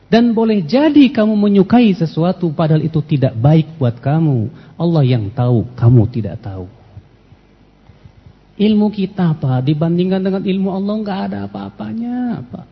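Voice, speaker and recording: Guy preaching casually, kinda high husky voice, sounds muffled, big hall echo. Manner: addresses listeners as "Pak", acts out prayers and dialogues. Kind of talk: casual Islamic sermon.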